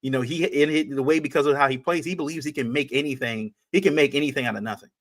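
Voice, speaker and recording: Guy on a sports podcast, casual chat, keeps hammering the same point, lots of restarts, medium pitch. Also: fast talker. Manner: emphatic, repeats points, frequent restarts.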